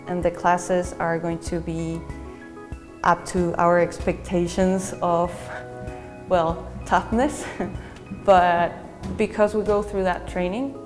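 A young woman, a graduate student speaking earnestly in a measured way with thoughtful pauses in an interview testimonial. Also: lowish voice. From Peru. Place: bright indoor university hallway with large windows. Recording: long reverb with faint music behind.

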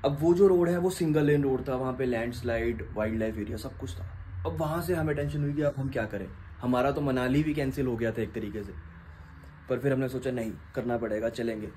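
Travel vlog guy, warm low-key voice, catching viewers up, faint car hum behind. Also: a little fast, poor audio. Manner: steady recap, to the viewers. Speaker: travel vlogger. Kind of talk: casual travel narration.

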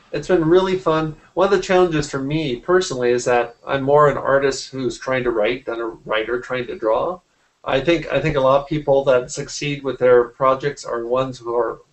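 Heard through a computer mic on a video call, the recording is rough. The speaker is a man in his forties with a medium-pitched voice, an artist and art teacher who talks casually as an interview guest from a small room at home and often rephrases himself mid-sentence.

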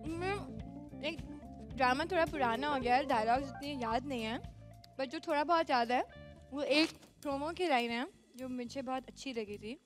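Giggly high-voiced woman guest. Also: normal speed, over music. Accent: Pakistani Urdu. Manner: giggly, chatty, slips into English. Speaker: actress guest. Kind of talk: casual talk show chat.

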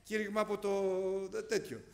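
A middle-aged man preaching a sermon to a congregation, animated and storytelling with sound effects. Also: high-pitched, creaky. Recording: long hall reverb.

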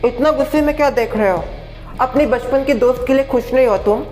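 A man's voice: very high voice, brisk, a little mellow. A man voicing a bold, dramatic young woman who teases in a theatrical way and mixes in English words. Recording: echoey room, faint music.

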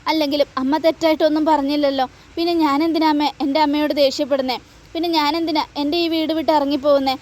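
A woman's voice: sits high, fairly even intonation, fast, a little mellow, lightly acted. A woman reading as Nandu, a heartbroken young woman. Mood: pleading. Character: heartbroken young woman torn over love.

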